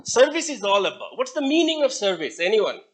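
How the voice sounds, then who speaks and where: Lecturing a class, this middle-aged native Hindi speaker tells stories in Indian-accented English, quizzing his students and slipping in small chuckles between points. He sounds very animated, speaking fairly quickly in a voice that sits high.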